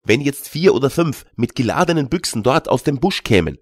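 A man's voice: mid-range voice, animated, a little fast, breathy edge, dry recording, studio quality. A man reading an audiobook, voicing a bold young journeyman who scoffs and lectures his nervous companion. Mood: scoffing.

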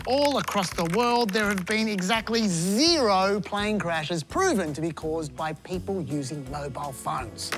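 A man in his forties with an Australian accent, presenting a scripted comic explainer to camera in a sarcastic, mock-indignant way. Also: high-pitched. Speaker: comedy presenter. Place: airport lounge and plane cabin.

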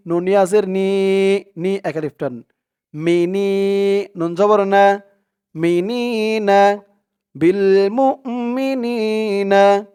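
High, clear-voiced male recitation teacher. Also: a little mellow. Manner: spells out letters slowly, then chants drawn-out recitation; brisk, plain explaining between recitations. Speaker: Quran reading teacher. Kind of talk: step-by-step recitation lesson.

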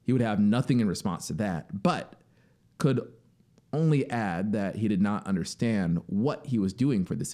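With a mellow voice on the low side, a thirtysomething man gives a dramatic reading of literary fiction like an audiobook. He works in a small indoor home music studio, right up close to a boom-arm studio mic.

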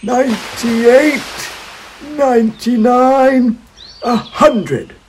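A man voicing a wicked, cruel male wizard who gloats and speaks in a slow, drawn-out, booming way. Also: noisy background, full character voice. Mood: gloating.

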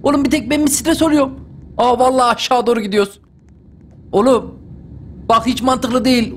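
A man doing live gameplay commentary for his channel, panicky and excitable, with loud exclamations and slangy asides. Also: very high voice, slight background noise. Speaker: gaming YouTuber. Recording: clear music underneath. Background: game background music.

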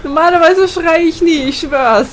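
A woman's voice: very high voice, normal speed, slight background noise. A woman co-hosting a casual let's play, jumpy and frantic, often screaming and chattering in panic.

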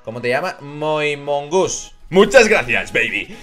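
A young Spanish man reacts to a video in a high, bouncy voice that swoops all over the place. He jokes and bursts into over-the-top exclamations. Faint music plays underneath. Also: very animated, a little slow, fairly bright tone. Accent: Spain Spanish. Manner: hyper, joking, exaggerated outbursts. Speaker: YouTube reaction host. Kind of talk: casual video reaction commentary.

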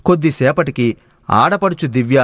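A male narrator with a slightly high voice tells a family cartoon story in an even, measured way. The recording is dry and close, with no room sound. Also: no room sound.

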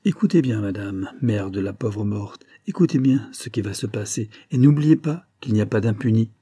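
A man doing a stern, imperious gentleman. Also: on the low side, lively intonation, moderate pace, husky, dry recording, clean studio sound. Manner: imperious, firm. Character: stern commanding man, calm and implacable.

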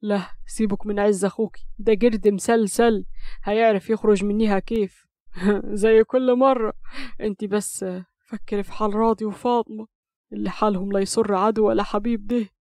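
Woman doing a young upper egyptian husband, teasing, fast talker, dry sound. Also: medium pitch, fairly even intonation, a little mellow, dry recording, natural voice. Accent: Upper Egyptian Arabic. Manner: teasing, mock-cool banter. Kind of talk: audio story reading.

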